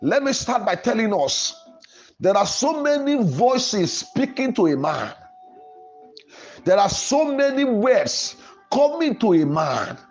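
Slowly and in a sing-song way, a high-voiced male pastor preaches and prays. He hosts the programme, and his Pentecostal sermon is emphatic and declamatory, with phrases said again and again while music plays behind him.

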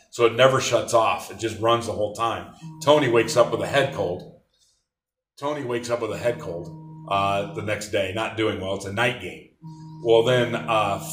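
Low-voiced middle-aged man telling old stories. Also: far from the mic. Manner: rambling, warm storyteller with many restarts. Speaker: interviewee, former athletic trainer. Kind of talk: casual reminiscing. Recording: roomy echo.

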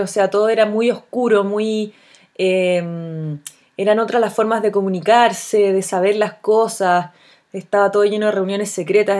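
A Chilean woman of around forty hosting a solo podcast. She talks in a thoughtful, earnest way and pauses often on fillers. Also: mid-range voice, darkish tone. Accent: Chilean Spanish. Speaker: podcast host. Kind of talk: solo reflective podcast monologue.

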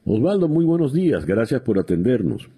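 A middle-aged man hosting a radio interview, talking in a measured, explanatory way with frequent hesitations. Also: mid-range voice, sing-song, mellow, slightly rough. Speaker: radio host.

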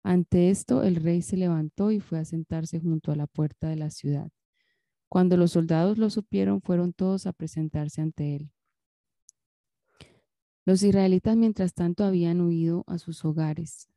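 A woman's voice: on the low side, fairly even intonation, normal speed, mellow, dry recording. A woman reading scripture aloud with care, now and then stopping to correct herself. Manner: careful reading with occasional self-corrections. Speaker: Bible reader.

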